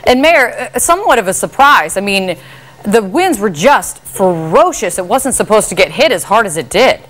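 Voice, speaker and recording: A woman's voice: medium pitch, sing-song, moderate pace, fairly bright tone, poor audio. A woman news anchor conducting a live broadcast interview from a studio.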